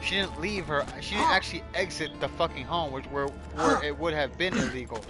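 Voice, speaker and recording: A man's voice: a little high, brisk. A man chatting casually and ranting in a blunt way, swearing heavily. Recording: loud music behind the voice. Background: loud music.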